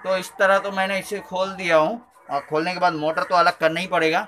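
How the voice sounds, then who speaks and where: A man's voice: high-pitched, flat delivery, a little fast, noisy background. A man in his thirties hosting a repair channel, casually talking through each step as he works in a small cluttered workshop, recorded on a handheld phone camera. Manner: chatty, explains step by step while working. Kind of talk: casual how-to repair narration.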